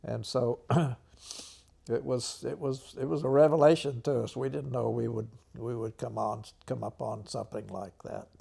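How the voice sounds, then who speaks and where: An American man in his nineties, an old veteran remembering the war in an interview, speaking haltingly with frequent throat clearing. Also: mid-range voice, steady tone, mellow. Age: 90s.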